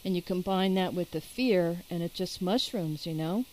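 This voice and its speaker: A woman's voice: lowish voice, normal speed, darkish tone, low-quality recording. A woman interviewing a guest, asking conversational questions and thinking aloud as she goes.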